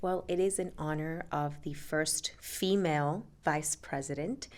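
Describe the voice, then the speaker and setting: A woman from Colombia who works as a realtor, talking relaxed and conversational as a podcast guest. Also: low voice, measured pace. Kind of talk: podcast interview.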